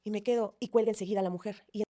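Fast-talking woman telling her story. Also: medium pitch. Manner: animated, acts out quoted dialogue. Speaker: guest. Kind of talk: emotional personal storytelling.

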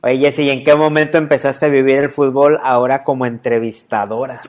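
A man's voice: mid-range voice, flat delivery, brisk. A man, hosting a casual interview with joking, encouraging prompts.

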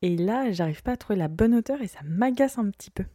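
A woman hosting her podcast in a relaxed, playful chat, pausing often with small hesitations, recorded in her parents' home office. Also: medium pitch, dry recording, studio quality. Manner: chatty and playful, with frequent hesitations. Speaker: podcast host. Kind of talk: casual chat. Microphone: podcast mic without its usual arm.

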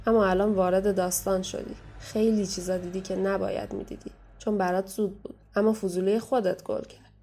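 A woman playing a mocking, menacing young waitress who talks down to people and gives sharp warnings, in an audio drama. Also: mid-range voice, level tone, slight background noise, natural voice. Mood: scornful. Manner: scornful, taunting, bossy. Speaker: guest voice actor.

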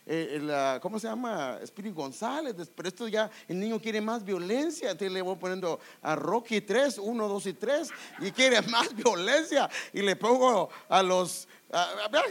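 A man, a middle-aged pastor, delivers a sermon with lots of energy. His voice sits high and swings widely in pitch. He keeps turning to his listeners directly, calling them brother. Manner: animated preaching, addresses listeners as brother.

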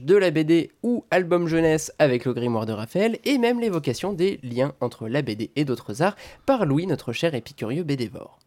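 A man's voice: a little high, a little mellow. A man hosting a comics podcast, reading his scripted intro and review in a playful, self-mocking way with theatrical emphasis.

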